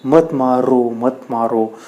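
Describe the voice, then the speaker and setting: A man's voice: mid-range voice, fairly even intonation, takes it slowly, warm tone, close to an everyday voice. A man crying out as a weeping stone, begging. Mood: pleading, pained. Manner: crying, pleading, repetitive.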